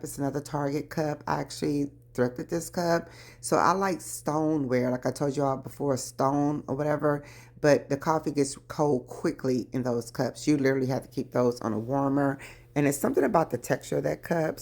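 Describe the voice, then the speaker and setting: A woman's voice: low-pitched, a little mellow. A middle-aged woman vlogging casually as she declutters, chatty and talking straight to her viewers in her early morning voice. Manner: chatty, addresses viewers as y'all. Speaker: lifestyle vlogger. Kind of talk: casual chat while decluttering.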